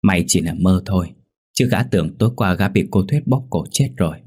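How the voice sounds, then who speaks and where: A man narrating a ghost story in a measured, suspenseful manner. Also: low voice, darkish tone, breathy edge. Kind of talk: scripted horror story narration.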